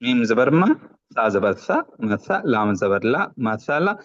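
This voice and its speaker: A man leads an online Quran reading lesson, sounding out letters and vowel marks one syllable at a time. His delivery is slow and deliberate, and he breaks off now and then for brief rule explanations. The recording is muffled and lo-fi. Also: medium pitch, sing-song.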